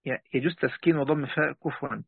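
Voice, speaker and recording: Speaking fast in a medium-pitched, creaky, husky voice, a man with an Egyptian Arabic accent teaches online as a sheikh, reading passages and explaining them chattily to his students, sometimes cutting off mid-word. The audio is phone-quality with no echo.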